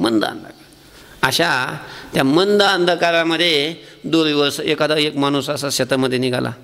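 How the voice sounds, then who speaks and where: A man preaches a devotional sermon in a high, ringing voice. He keeps putting questions to his listeners and answering them himself, and he slows down to chant verses. The sound trails off in a long hall reverb. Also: fairly bright tone, slight background noise. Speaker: Varkari preacher.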